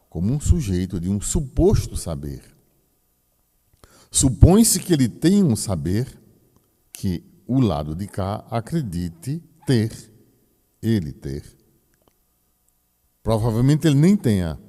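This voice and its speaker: A man's voice: fairly low pitch, dark tone. A priest giving a teaching talk to a group, explaining with folksy asides to his listeners. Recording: long hall reverb.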